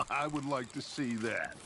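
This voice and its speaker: An actor playing an easygoing frontier outlaw in a game who speaks in a relaxed, reflective, encouraging way. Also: male voice, medium pitch, slow pace, vocal fry, background noise.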